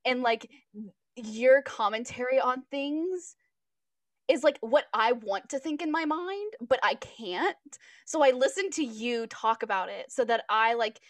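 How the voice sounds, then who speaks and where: A woman's voice: fairly high pitch, animated, unhurried, no room sound. A twenty-year-old woman co-hosting a podcast in casual chat, rambling and giggly with lots of filler words. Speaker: podcast co-host.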